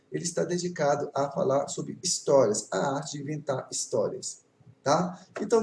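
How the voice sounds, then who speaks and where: Brazilian male teacher, lively voice, rambling and friendly, recorded in an echoey room away from the mic. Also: fairly high pitch, distant mic, slight background noise. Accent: Brazilian Portuguese. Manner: chatty, rambling, checks in with "tá?". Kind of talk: casual online class storytelling.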